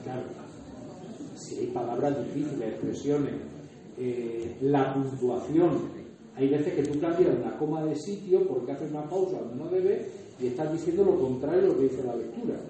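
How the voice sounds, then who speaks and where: Murcian guy teaching a workshop, dark mellow voice, roomy hall, mic kinda far off. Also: medium pitch, normal speed, a little hiss or hum. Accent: Murcian Spanish. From Murcia, Spain. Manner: conversational, explaining with examples and asides. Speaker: liturgy trainer. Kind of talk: lecture to a workshop group. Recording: echoey hall, distant mic, dull sound.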